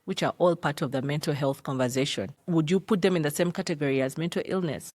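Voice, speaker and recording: A woman hosting a podcast who asks her guest calm, measured questions. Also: deep voice. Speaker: podcast host. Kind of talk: interview questions.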